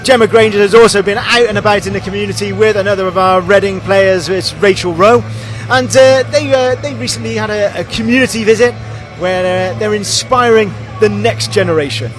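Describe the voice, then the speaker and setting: A man hosts a live football stream with an upbeat, brisk manner, often padding his sentences with "uh". His voice sits high for a man. Music plays under his talk. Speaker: studio host. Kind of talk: live broadcast presenting.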